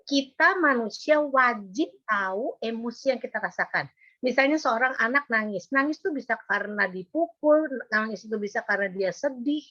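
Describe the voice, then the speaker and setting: Older woman lecturing parents, fairly high voice. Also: fairly bright tone, no echo. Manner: patient explanatory lecturing with frequent fillers. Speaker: psychologist speaking to parents. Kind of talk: webinar talk. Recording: dull, dry video call audio.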